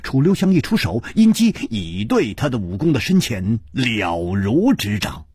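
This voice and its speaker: A man telling a traditional tale in a husky, grainy voice that swoops between high and low. His narration is dramatic and rises and falls constantly. The sound is close and dry, with no room around it. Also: sing-song, unhurried, darkish tone, no echo. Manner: dramatic, rising and falling delivery. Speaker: storyteller. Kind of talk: traditional Chinese storytelling narration.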